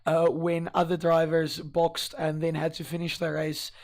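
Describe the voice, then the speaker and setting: Interviewing drivers once the race is over, this live esports commentator fumbles through his questions with frequent hesitant pauses. His voice is rather high, wheezy and strained, delivered in a monotone with a darkish quality.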